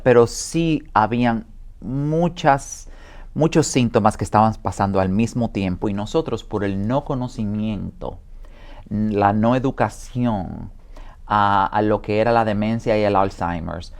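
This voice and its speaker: A man's voice: fairly low pitch, a little mellow. A man in his forties from the Dominican Republic, a guest in an interview, speaking hesitantly with many fillers as he remembers. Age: 40s. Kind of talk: interview testimony.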